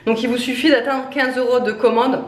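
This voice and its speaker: A woman's voice: fairly high pitch, steady tone, a little fast, reverberant, background noise. A woman in her thirties from France, a family vlogger chatting at home to camera, full of hesitant fillers and worn out. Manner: chatty, lots of hesitant "euh" fillers, says she is tired. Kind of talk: casual chat to camera, product presentation. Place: at home, indoor room.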